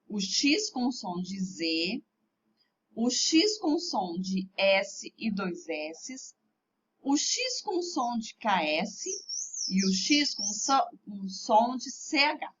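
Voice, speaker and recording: A woman teacher with a Brazilian Portuguese accent gives a remote lesson to young pupils, speaking slowly and carefully sounding out each word. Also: medium pitch, very animated, lo-fi sound, noisy background. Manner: slow, clearly articulated, spelling out words for children. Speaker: primary school teacher.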